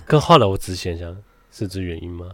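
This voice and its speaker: A low-voiced man with a Taiwanese Mandarin accent rattles through a story at a quick clip. He swears casually, laughs often, and the sound is dry and close. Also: lively intonation, fairly bright tone, dry recording. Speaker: podcast host.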